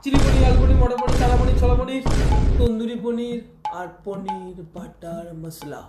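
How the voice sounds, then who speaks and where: A man's voice: very high-pitched, fairly even intonation, roomy sound, loud music behind the voice. A man as a fussy servant reciting options. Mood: deadpan. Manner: drawn-out, fussy listing, repetitive. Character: pedantic servant listing endless options.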